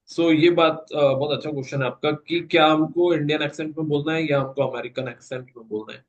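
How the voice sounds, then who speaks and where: A man's voice: on the high side, fairly even intonation, fast talker, lo-fi sound. A man with an Indian English accent teaching an online placement class, patiently explaining and mixing Hindi with English. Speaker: placement trainer.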